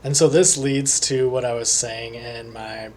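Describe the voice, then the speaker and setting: A man talking alone as a psychic reader, slowly and hesitantly, with many pauses and fillers. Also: mid-range voice, fairly even intonation, darkish tone, slight background noise. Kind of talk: solo monologue.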